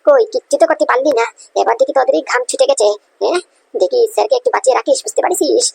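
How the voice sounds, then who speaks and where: A woman voicing a defiant, honest young male police officer in a cartoon comedy, scolding in a rapid tirade. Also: high-pitched, very animated, creaky, a little mellow, no room sound, heavily acted. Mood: taunting. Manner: scolding, rapid, repeats "understand?".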